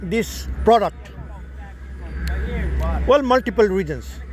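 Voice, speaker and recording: A man's voice: high-pitched, lively intonation, takes it slowly. A man from Nepal, a startup founder, talking through his idea in a casual monologue that explains and rephrases as he goes. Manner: explanatory, repeats and rephrases points.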